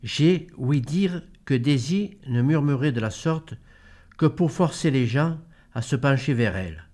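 A man's voice: medium pitch, animated, unhurried, darkish tone. Man narrating a novel in first person. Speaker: audiobook reader. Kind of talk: read-aloud literary narration.

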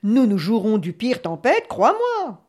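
A woman voicing a headstrong young male viking chief who gives loud, commanding orders. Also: on the high side, wildly swooping pitch, measured pace, full character voice. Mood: defiant. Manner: commanding, boisterous, shouting orders.

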